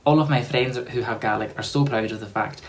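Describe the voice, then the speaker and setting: A man's voice: medium pitch, a little fast, slight background noise. A man in his twenties with a Scottish accent, talking informally to camera in a room at home. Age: 20s.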